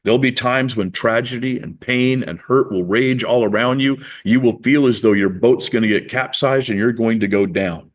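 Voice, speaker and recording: A man's voice: mid-range voice, normal speed, hardly any pauses. A man preaching a sermon in a conversational, storytelling way, acting out the people he quotes. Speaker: pastor.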